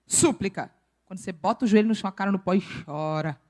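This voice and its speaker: A woman preaching a sermon, animated and playful, acting out quoted people and accents as she teaches from scripture. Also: medium pitch, fast talker.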